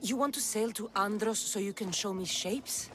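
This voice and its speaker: A woman's voice: medium pitch, normal speed, fairly bright tone, a little hiss or hum, lightly acted. A woman playing a wary, determined young Greek mercenary in a video game cutscene, direct and skeptical in her questions. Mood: wary, resolute.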